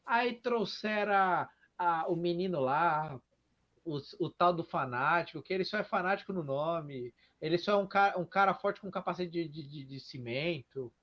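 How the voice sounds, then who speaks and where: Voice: mid-range voice, moderate pace. A speaker with a Brazilian Portuguese accent chats casually about movies. The tone is sarcastic and joking, with frequent exclamatory asides. The recording sounds slightly dull and muffled.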